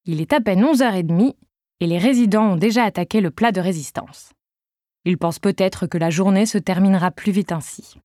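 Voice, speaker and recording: A woman's voice: mid-range voice, fairly quick, mellow, no room sound, studio quality. A woman narrating a novel in the first person with a wry tone. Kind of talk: audiobook narration.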